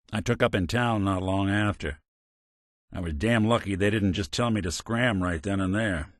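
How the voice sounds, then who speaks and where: An American actor voices a world-weary but principled robot detective in a video game, speaking in wry, plainspoken, hard-boiled old-time dialogue. His male voice is on the low side yet a bit bright, recorded cleanly in a studio with no room sound.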